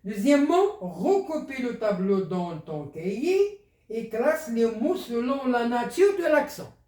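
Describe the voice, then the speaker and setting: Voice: medium pitch, sing-song, slow pace, dark tone. A teacher giving a primary school lesson, explaining step by step and repeating words for the pupils. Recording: echoey room.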